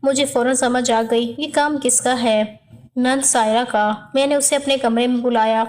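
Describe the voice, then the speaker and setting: High-voiced woman narrating a story. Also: steady tone, a little mellow. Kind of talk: first-person scripted story narration.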